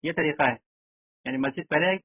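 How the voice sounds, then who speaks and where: A man's voice: a little high, no room sound. A man teaching an online language lesson, explaining step by step and often checking that students understand. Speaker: Arabic teacher. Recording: tinny online call audio, dry.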